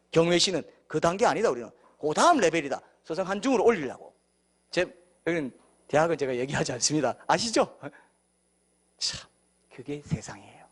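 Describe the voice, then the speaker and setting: A man's voice: sits high, slightly rough. A middle-aged man preaching a sermon as pastor, asking the congregation questions and acting out quoted voices.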